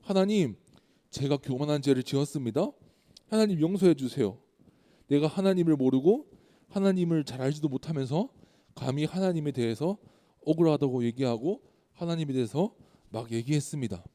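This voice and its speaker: Man doing Job, aggrieved older man, protesting innocence, mellow high voice, church-hall reverb. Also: animated, normal speed, natural voice. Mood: repentant. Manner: protesting, pleading.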